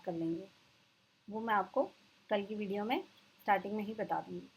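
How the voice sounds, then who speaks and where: A woman teacher giving an exam-prep lecture, explaining terms and slowly repeating them for her students. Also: medium pitch, husky, rough recording.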